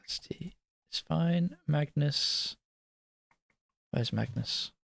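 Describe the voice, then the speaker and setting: A man's voice: on the high side, very slow, creaky, no room sound. A man with a modern British accent, broadly RP, casually talking through a live draw as he hosts it. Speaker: host running the live draw. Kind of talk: casual live stream chat.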